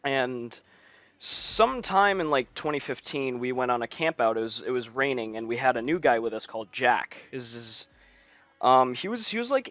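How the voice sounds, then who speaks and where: A man's voice: medium pitch, fairly bright tone, no room sound. A man telling a story to friends on a stream, casual and rambling, often restarting his sentences. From United States. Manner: rambling, frequent restarts and fillers. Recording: dull lo-fi stream mic.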